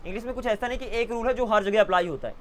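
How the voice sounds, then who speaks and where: A man's voice: high-pitched, a little hiss or hum. Playful male teacher drilling pronunciation. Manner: teasing and playful with students; drills words slowly by repeating them. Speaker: English teacher. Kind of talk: classroom lesson. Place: classroom with live students.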